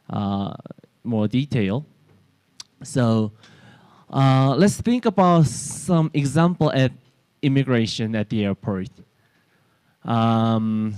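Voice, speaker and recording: A man from South Korea lectures at a conference workshop in Korean-accented English, stopping often to restart his sentences. He speaks slowly and deliberately. His voice is smooth and clear, recorded dry and close with little room sound. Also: medium pitch, a little mellow, no room sound. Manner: halting, many fillers and restarts. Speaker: workshop presenter. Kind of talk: technical lecture.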